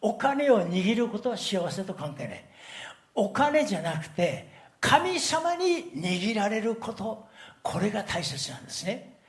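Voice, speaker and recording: An older male pastor delivers a sermon through lively storytelling, his voice swinging widely in pitch. He laughs often while he talks and keeps the congregation engaged. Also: measured pace.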